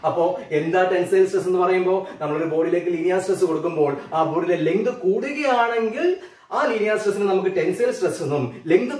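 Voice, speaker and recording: A man with a Malayali accent gives a physics lesson in a fairly high voice. He keeps checking on his students with questions and repeats the key terms slowly. His voice comes from a little way off the mic in an echoey room. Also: darkish tone, far from the mic. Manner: keeps asking students questions, calls them children. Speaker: physics teacher. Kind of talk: classroom lecture.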